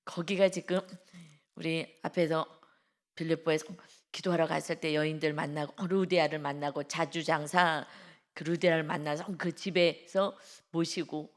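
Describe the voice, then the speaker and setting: A woman pastor preaching an early-morning sermon, emphatic and full of rhetorical questions to the congregation, moving between hushed lines and loud emphasis. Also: deep voice, steady tone, normal speed.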